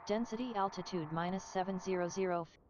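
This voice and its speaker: A woman's voice on an automated airport weather broadcast, heard over aircraft radio. Each number and code comes out clipped and measured. The sound is muffled and sits under a strong hiss. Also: fairly low pitch, darkish tone. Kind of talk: recorded terminal information broadcast.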